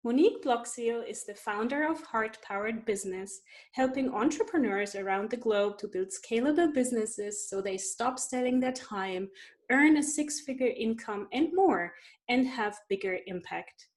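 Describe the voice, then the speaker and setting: Woman host of an interview podcast, higher voice, reads a polished intro. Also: moderate pace. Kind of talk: interview hosting.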